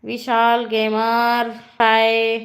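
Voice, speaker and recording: A woman's voice: on the high side, completely flat delivery, drawn-out words. A woman from Chhattisgarh, hosting a casual live stream and greeting viewers by name. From Chhattisgarh, India. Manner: greets viewers by name and asks where they are from. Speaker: live-stream vlogger host.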